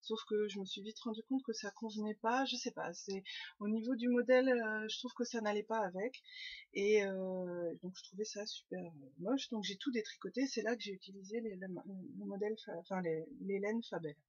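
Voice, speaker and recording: A woman's voice: medium pitch, moderate pace, breathy edge, dry recording, highs cut off. A woman hosting a knitting podcast, chatting casually to her webcam at home, rambling with lots of fillers and restarts. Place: home room.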